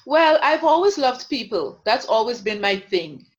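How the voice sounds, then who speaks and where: A woman's voice: a little high, very animated, measured pace, highs cut off. A woman from Guyana, a counsellor, talking earnestly and reflectively as an interview guest.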